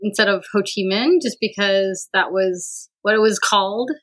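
Speaking at normal speed with a mid-range, fairly bright voice, a woman from Vietnam, a university administrator, chats casually as a podcast guest. She hesitates a lot, restarting sentences, using many fillers, and laughing frequently.

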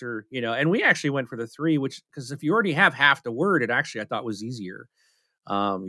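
A man's voice: medium pitch, bright, forceful tone, dry recording. A middle-aged man chatting casually as a podcast co-host, rambling and telling stories with many fillers. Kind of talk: casual chat.

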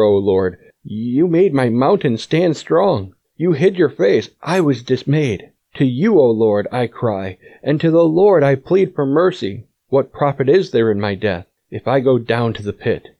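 A man reading scripture aloud in a measured, solemn way. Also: medium pitch, mellow, dry recording. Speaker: scripture reader. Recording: dull lo-fi audio.

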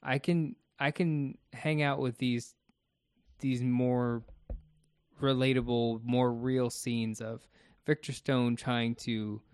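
A man's voice: mid-range voice, little pitch movement, slow, darkish tone, clear, resonant tone, dry recording. A man co-hosting a casual podcast, talking through his thoughts about a TV episode one step at a time. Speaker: podcast co-host.

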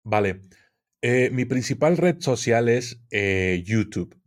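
An occult video creator appears as a guest on a casual podcast interview, speaking slowly in an expressive, medium-pitched male voice. He's easygoing and hesitant, with plenty of fillers.

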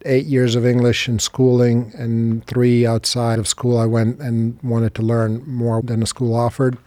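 Man, 40s, English, talkative, enthusiastic, mid pitch, dry. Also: little pitch movement, a little slow, mellow, no echo. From Serbia. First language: Serbian. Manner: enthusiastic, talkative, with fillers and restarts. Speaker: guest, business banker. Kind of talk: interview conversation.

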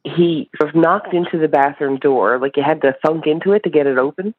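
A woman from Newfoundland tells a personal story as a caller. Her voice is low and her delivery is informal. The recorded call sounds dull and lo-fi. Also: fairly quick, breathy edge, no room sound. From Newfoundland, Canada. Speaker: listener calling in with a story.

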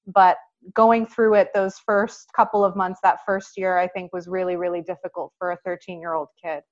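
A woman's voice: on the low side, level tone. Reflective young woman from Pakistan. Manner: measured, reflective, frequent "I think" and "you know". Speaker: guest. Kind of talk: personal storytelling interview. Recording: slightly dull lo-fi audio.

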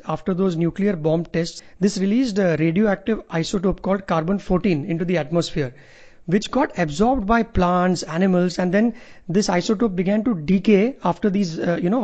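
A man's voice: high-pitched, normal speed, dark tone. A man with a North Indian accent chatting casually as a co-host, telling things in a jokey way. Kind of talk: casual conversational chat. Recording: slightly dull, lo-fi audio.

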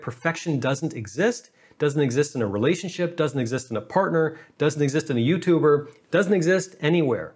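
A man hosting his own channel, giving relationship advice in an emphatic solo talk and repeating key phrases for stress. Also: medium pitch. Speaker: relationship coach and channel host.

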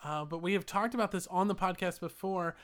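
A man's voice: high voice, fairly bright tone. A man co-hosting a podcast, chatting in an easygoing, upbeat way about local events. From South Carolina Lowcountry. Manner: laid-back and upbeat, with quick asides. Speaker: podcast co-host. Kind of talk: casual chat.

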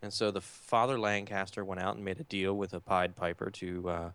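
A man co-hosting a casual podcast, relaxed and joking, with an easygoing delivery. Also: sits low, fairly quick, smooth, no echo. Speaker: podcast co-host. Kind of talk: casual chat.

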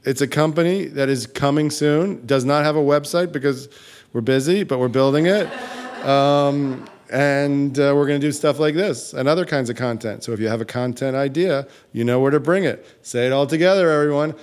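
A man's voice: mid-range voice, moderate pace, darkish tone, clear, resonant tone. Man host, casual and joking, working a small room. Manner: chatty and joking, hands off to audience members. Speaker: event host. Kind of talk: casual live-event wrap-up.

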